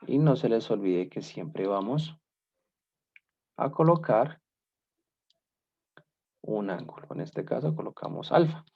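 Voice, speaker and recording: A man's voice: mid-range voice, animated, slow pace, vocal fry, long pauses, a little mellow, breathy edge. A man teaching a basic math class in patient steps, often checking in with his students. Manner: checks in often with "¿listo?" and "¿cierto?"; patient, step-by-step explaining. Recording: dull lo-fi class recording.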